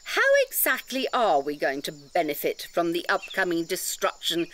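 A woman with a fairly low, expressive, somewhat bright voice, speaking at a moderate pace, sounds wound up as she plays an indignant nature-reserve campaigner in an audio drama. She lectures with emphasis, pedantic detail and rhetorical questions, over a slight hiss or hum.

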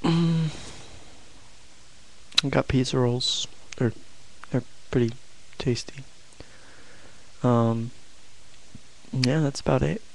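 A young adult man chatting casually to a vlog audience in a flat, low-energy, hesitant way with long pauses. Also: creaky, a little hiss or hum, poor audio. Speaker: video blogger.

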